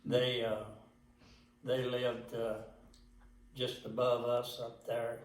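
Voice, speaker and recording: An older man with an Appalachian accent tells of his life at a slow, halting pace. He is plain-spoken and folksy, recorded at a distance from the microphone in an echoey room. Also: medium pitch, monotone. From southwest Virginia mountains. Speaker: interviewee. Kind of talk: casual oral history reminiscence.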